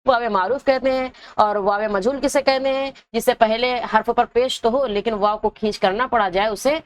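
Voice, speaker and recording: Lady teacher going over grammar, asks then answers herself, kinda high voice, stretches the example words. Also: slight background noise. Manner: asks her own questions and answers them, repeating terms slowly; drags out example words to show their pronunciation. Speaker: Urdu teacher. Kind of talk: exam-prep lesson.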